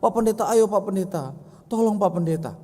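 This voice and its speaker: A man's voice: sits high, lively intonation, brisk, warm tone, voice pushed up. A man voicing a crying small child who begs a pastor for help, in an echoey church hall. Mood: pleading. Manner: pleading, tearful, urgent.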